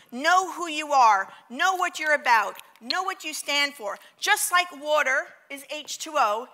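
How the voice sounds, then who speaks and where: Speaking on a large theater stage, a woman with a New York accent delivers an energetic motivational keynote. Her voice is high and bright, and she pulls the crowd into call-and-response chants.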